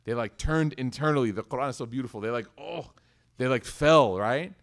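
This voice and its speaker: Animated man teaching a lesson. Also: medium pitch. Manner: lively storytelling, acts out quoted voices, swings from loud to soft; recites Arabic verses quickly. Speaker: Islamic teacher. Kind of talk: animated sermon talk.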